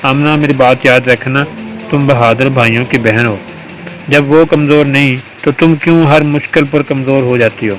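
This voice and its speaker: A man's voice: medium pitch, fairly even intonation, a bit bright, a little hiss or hum, close to an everyday voice, rough recording. Male reader as a spirited, protective young wife, read firmly. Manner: firm, reassuring.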